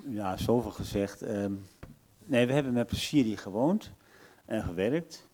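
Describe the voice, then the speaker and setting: An older man speaking at his farewell in a church service, halting and searching for words. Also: lowish voice, animated, darkish tone. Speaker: departing church member.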